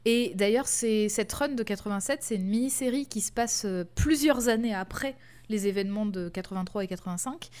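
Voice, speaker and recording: A woman's voice: medium pitch, brisk, a little mellow. A woman co-hosting a casual chat, explaining a comic series with many fillers and restarts. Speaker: podcast co-host.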